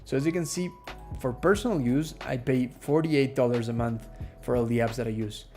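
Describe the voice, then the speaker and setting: A man's voice: medium pitch, a little fast, a little mellow, faint music behind. A man from Ecuador hosting a casual live stream Q&A, chatting with viewers, reading their questions aloud and using lots of fillers.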